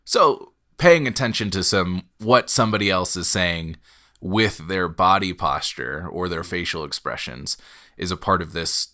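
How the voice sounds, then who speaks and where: A man's voice: low-pitched, lively intonation, a little slow, pushed and bright. A man with a head cold co-hosting a podcast, summing up and paraphrasing what his partner says. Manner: summarizing and paraphrasing the other speaker. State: sick, stuffy head cold. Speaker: podcast co-host. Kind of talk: casual podcast conversation.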